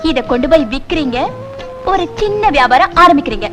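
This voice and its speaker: An actress playing a gentle, devoted wife in a 1980s film, soft and pleading in manner. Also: female voice, sits high, big pitch swings, a little fast, over music.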